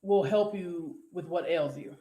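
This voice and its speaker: A woman co-hosts a casual live show, reading viewer comments in a rambling, profane way and laughing easily. Her mellow voice is on the low side and unhurried, heard in an echoey room.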